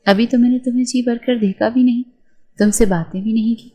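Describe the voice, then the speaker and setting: A woman's voice: fairly high pitch, fairly even intonation, mellow, breathy edge. A woman reading the part of a baffled, impatient young husband in a spoken novel, sounding exasperated.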